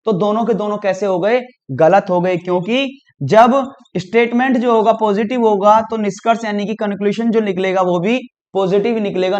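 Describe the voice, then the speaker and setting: A man's voice: high voice, a little mellow, highs cut off. A male teacher working through exam reasoning questions, guiding students step by step and checking in with them as he goes. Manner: talks students through each step, often says "dekhiyega" and "theek hai ji". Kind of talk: exam prep lesson.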